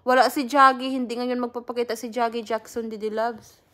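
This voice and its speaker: A woman's voice: on the high side, little pitch movement, brisk, sharp tone. A Filipina woman, chatting casually on a livestream, greeting viewers by name and laughing often. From Philippines. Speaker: livestream host.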